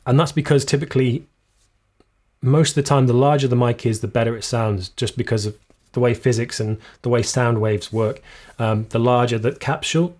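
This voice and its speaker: A man hosting a live videography Q&A stream, explaining gear casually, slightly losing his voice, recorded on a boom shotgun mic in a small room. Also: fairly even intonation, normal speed, a little mellow. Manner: casual, explanatory, reads viewer comments aloud. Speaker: videography channel host. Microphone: shotgun boom mic just out of shot.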